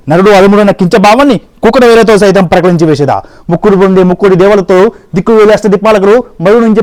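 A man playing a cheeky male human thief who makes a loud, theatrical speech. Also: high-pitched, close to an everyday voice. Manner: loud, theatrical, pleading oratory.

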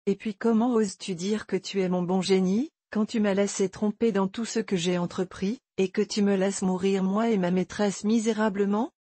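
A woman reads a dying young man in an audiobook, bitter and reproachful. The tone is warm and slightly breathy, recorded dry and close. He pushes his complaints as indignant questions. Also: mid-range voice, steady tone, normal speed, hardly any pauses, dry recording, lightly acted. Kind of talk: audiobook character reading.

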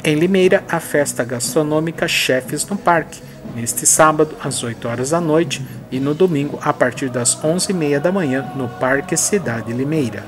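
A man's voice: on the high side, normal speed, few pauses, over music. Upbeat male events host, headset mic. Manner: upbeat announcer reading listings, friendly asides. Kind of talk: events roundup and birthday greetings. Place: indoors against a plain bright wall.

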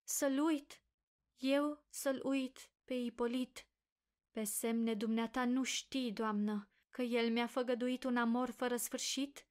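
A woman voicing a heartbroken, desperate young woman who pleads slowly and dramatically, as if through sobs. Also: fairly high pitch, steady tone, natural voice. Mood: despairing. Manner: sobbing, pleading, slow dramatic delivery. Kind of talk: audiobook character reading.

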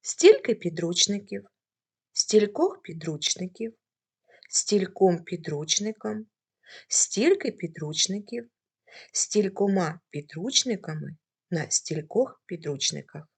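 A woman's voice: on the low side, big pitch swings, takes it slowly, gravelly, breathy edge. A woman teacher reading a scripted grammar lesson, carefully saying word forms one by one.

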